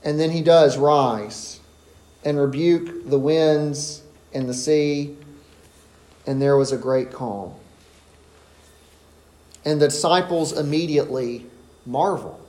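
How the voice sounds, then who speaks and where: Earnest high-voiced male preacher, echoey. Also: takes it slowly, pauses often, a little mellow. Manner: earnest, emphatic, rises sharply when voicing the disciples. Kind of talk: expository sermon.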